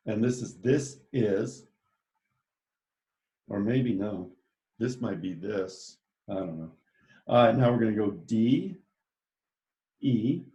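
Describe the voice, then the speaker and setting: A man's voice: on the low side, lively intonation, slow pace, pauses often, warm tone. Chatty, enthusiastic male art teacher. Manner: enthusiastic, chatty, directs students step by step. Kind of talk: art lesson for children. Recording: echoey room.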